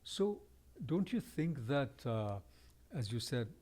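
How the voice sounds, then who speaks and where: A man with a soft, warm tone talks through ideas slowly and reflectively. He hosts a conversational podcast and weighs his guest's points before offering a counterview. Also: mid-range voice, sing-song. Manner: discursive, thoughtful, pushes back gently.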